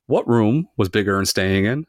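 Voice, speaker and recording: A man's voice: fairly low pitch, animated, a little slow, no room sound. A man hosting a casual podcast, reading out trivia questions and multiple-choice options to his friends and swearing freely. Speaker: podcast host running trivia quiz.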